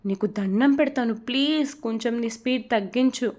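In a slightly high voice, a woman reads as a flustered young woman who keeps snapping and scolding. She sounds exasperated and quick to lose patience, like a romance heroine in an audio storybook. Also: a little mellow, lightly acted.

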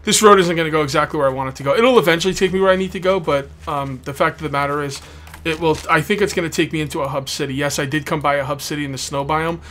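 His voice runs on the high side, very fast and a bit bright. Hosting a let's play series, he gives rambling, casual gameplay commentary, repeating himself and talking with a sore tongue he bit, over background noise and video game ambience.

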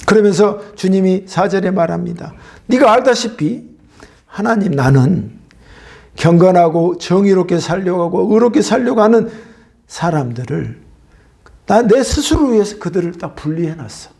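A male pastor preaching a sermon, swinging between loud emphatic bursts and hushed whispers. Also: sits high, expressive, moderate pace, vocal fry.

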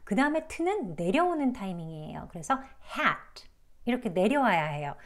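A woman teaching English pronunciation in an online lesson. She speaks patiently and politely, with an encouraging tone, and says each sound slowly to demonstrate it. Her voice sits in a middle range. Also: mid-range voice, big pitch swings.

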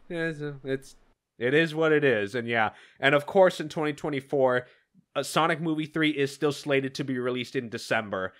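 Young man, medium-pitched voice, co-host, casual news and reaction chat. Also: a bit bright. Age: young adult. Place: indoors at home on a video call.

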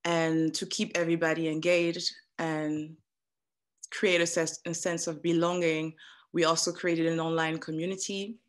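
A woman in her thirties hosting an interview over a video call on a headset from her living room, speaking with frequent pauses and restarts. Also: sits low, level tone. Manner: hesitant, restarts often. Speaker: host.

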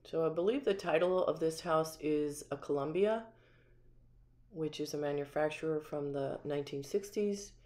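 A low-pitched, mellow American woman narrates a walkthrough home tour from behind a handheld camera. She sounds upbeat and ticks off each feature in turn, in a small empty room. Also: normal speed. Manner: upbeat, lists features one by one. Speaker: community home tour guide.

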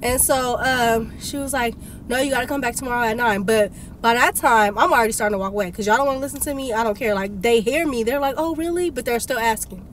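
A congested young vlogger, clearly unwell, vents and tells a lively story from her parked car. Her voice is on the high side and quick, recorded by a phone camera propped on the dashboard with slight background noise.

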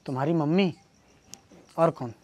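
A man's voice: a little high, normal speed, a little mellow, slight background noise. A man playing a husband in a comedy sketch, trading dry, sarcastic quips with his wife and building into exasperated rants. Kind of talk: scripted comedy sketch acting.

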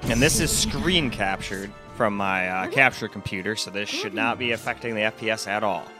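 A man's voice: fairly low pitch, moderate pace. A man hosting a gaming channel, giving casual, rambling gameplay commentary in a laid-back, chatty way. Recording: game music behind the voice.

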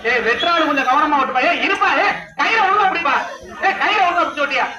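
A man shouting urgent, repeated orders over a public-address loudspeaker at a live event. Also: extremely high pitch, animated, fast, muffled recording, over music. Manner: urgent, barks repeated commands. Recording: echoey loudspeaker heard from far, loud crowd.

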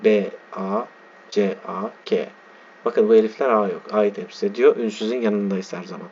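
Lower-voiced man teaching, dull lo-fi sound. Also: steady tone, a little mellow. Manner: slow, spelling out letters and words. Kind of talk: reading and explaining a text. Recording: dull lo-fi sound with faint background noise.

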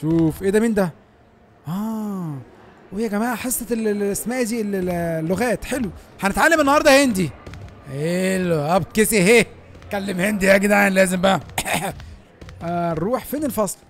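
A young man with an Egyptian Arabic accent narrates his game in a quick, high voice. His commentary is excitable and joking, breaking into panicked yelps and shouts. A faint hiss of noise sits under the recording. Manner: excitable, yelps and shouts in panic, then calms to low asides. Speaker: gaming YouTuber. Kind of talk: comedic gameplay commentary.

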